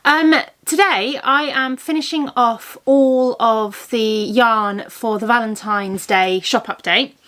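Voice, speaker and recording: A woman in her thirties, a yarn dyer who vlogs, chats casually in a fairly high, slightly bright voice, taking her time with hardly any pauses. A cold has left her a little congested with a blocked ear, and she rambles along with plenty of ums and self-corrections.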